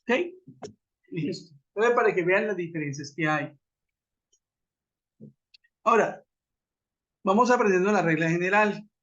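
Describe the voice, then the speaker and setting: A man's high, slightly bright voice moves a little slowly, with long pauses, as he teaches English grammar in a webinar and patiently repeats and spells out examples. The recording is dull lo-fi web conference audio captured on a computer mic during a web call.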